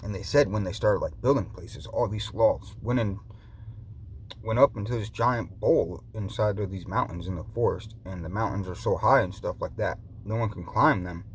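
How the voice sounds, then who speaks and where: A man with a fairly low voice talks in a casual, meandering vlog style. He drifts along loosely and repeats phrases as he goes. There is some noise behind him. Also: moderate pace. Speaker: vlogger. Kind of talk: rambling casual chat to viewers. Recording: noticeable background noise.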